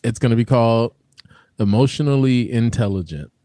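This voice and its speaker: A man's voice: mid-range voice, moderate pace, dark tone, no echo, studio quality. Playful laughing male podcast co-host. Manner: playful, teasing, laughs often, stumbles and restarts. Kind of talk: casual chat.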